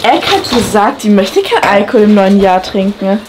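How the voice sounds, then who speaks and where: A young woman talking casually and bluntly in slangy, excitable bursts to a camera in a room at home. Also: medium pitch, moderate pace, heavy background noise. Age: young adult. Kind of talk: casual chat, slangy vlog talk. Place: small rooms at home indoors. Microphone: camera a short distance away.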